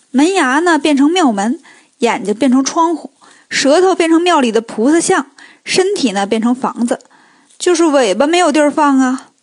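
High-voiced woman telling a children's story. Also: dry recording. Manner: lively, colloquial, joking asides.

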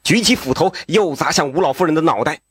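A man telling a story in a traditional storytelling style, lively with folksy asides and exclamations. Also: fairly high pitch, quick pace, slightly rough.

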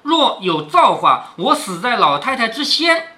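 A resolute young maidservant girl who refuses to yield, read by a man in a lively, up-and-down telling. The voice stays bright and ringing, with the plain tone of a storybook reading rather than full acting. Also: very high voice, a little slow, exaggerated voice. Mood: defiant. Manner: read aloud in a storyteller's voice, barely changed. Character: defiant teenage maidservant girl, desperate and resolute.

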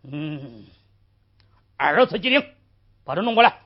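A woman's voice: low-pitched, big pitch swings, unhurried, full character voice. A woman storyteller voicing a cruel, haughty male magistrate who barks commands, on a lo-fi old recording. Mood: cold, commanding. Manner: barking commands, sneering. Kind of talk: traditional storytelling.

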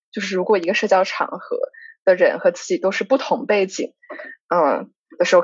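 Husky woman musing aloud, dry dull sound. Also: mid-range voice, no echo. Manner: reflective, thinking aloud. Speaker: podcast co-host. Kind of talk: casual chat.

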